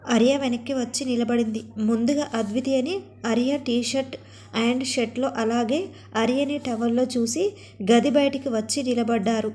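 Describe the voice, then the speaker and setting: A woman storyteller reading a scripted family story in a steady, expressive way. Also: a little high.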